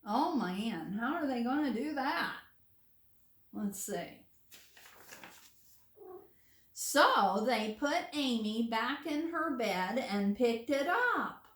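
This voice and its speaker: A teacher reads a picture book to small children, very slow and animated, dropping to hushed asides. Her voice is fairly high, and it sounds roomy and a little distant from the mic. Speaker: first grade teacher.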